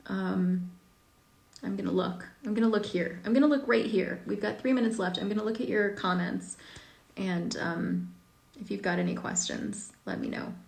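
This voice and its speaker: A woman author chatting casually on a live stream, answering fan questions in a rambling way and often trailing off softly. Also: medium pitch, moderate pace, gravelly. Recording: echoey room.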